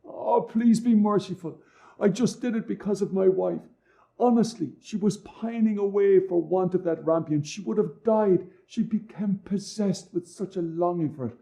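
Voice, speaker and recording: A man's voice: sits high, normal speed, creaky, warm tone, voice pushed up. A man voicing a frightened husband who begs for mercy in a raised, flustered voice. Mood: pleading.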